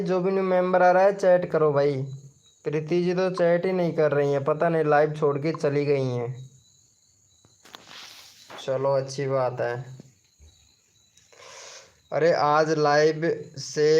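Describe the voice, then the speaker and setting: A man's voice: fairly high pitch, clear, resonant tone. A man hosting a casual live stream, chatting and joking with viewers, often laughing and swearing by oath. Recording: dull lo-fi stream audio.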